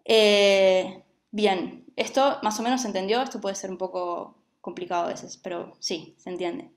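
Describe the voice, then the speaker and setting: A woman's voice: medium pitch, fairly even intonation, unhurried. A woman teaching a music lesson, who explains patiently and often checks that her students follow.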